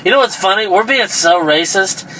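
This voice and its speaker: A man's voice: high-pitched, normal speed, bright, forceful tone, a little hiss or hum, poor audio. A man co-hosting a podcast, cracking crude jokes in casual banter and swearing often. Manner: joking, laughing at his own lines, swearing. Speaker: podcast co-host.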